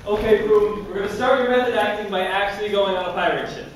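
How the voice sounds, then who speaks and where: A man improvising a comedy scene, brisk and commanding as a director setting things up. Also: high-pitched. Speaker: improv player. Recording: echoey stage from far off, noisy.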